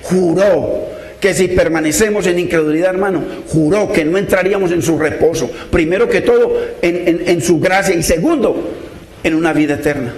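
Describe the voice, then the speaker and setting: A man preaches a sermon in a high voice. He sounds earnest and pleading, and keeps calling out to his brothers in faith. His voice rings around an echoey room. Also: normal speed, a little mellow. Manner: earnest, pleading, repeats "hermano" often.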